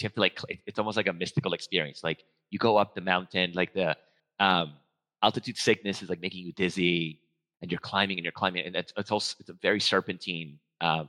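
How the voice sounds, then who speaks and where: A low-pitched man gives a casual talk on stage. His voice is bright and forceful, and he wanders through his points with lots of "um"s, restarts and quick self-corrections. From Venezuela. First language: Spanish. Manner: rambling, full of fillers and restarts. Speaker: guest speaker, research trainer.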